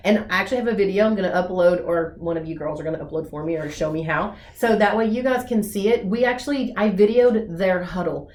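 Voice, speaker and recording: A woman speaking in a casual team meeting, eager and talkative, cutting in excitedly to share ideas. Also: fairly low pitch, fast, hardly any pauses, slight background noise. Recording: echoey room.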